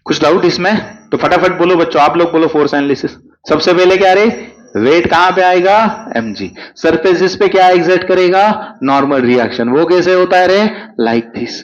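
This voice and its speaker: Coaxing physics teacher, slightly high. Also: male voice, highs cut off. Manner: coaxing, questions students constantly. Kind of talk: exam crash-course lecture.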